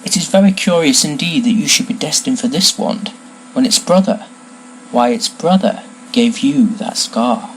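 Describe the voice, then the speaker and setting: A man voicing an intense, eerie old male wandmaker in a storybook reading, with a soft, hushed, lilting voice. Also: on the high side, expressive, moderate pace, slight background noise, lightly acted, rough recording. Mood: ominous.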